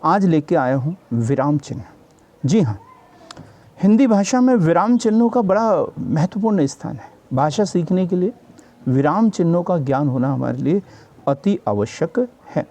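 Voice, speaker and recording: A man's voice: on the high side, animated, moderate pace, dark tone. A man teaching a grammar lesson for exam preparation. He explains patiently, repeats each definition and checks in with his students.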